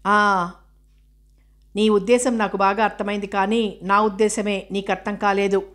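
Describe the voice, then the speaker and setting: A woman narrator gives voice to a composed, measured aunt in a spoken novel. The delivery is level and flat, barely moving in pitch. The pitch sits in the middle. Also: close to an everyday voice. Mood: calm.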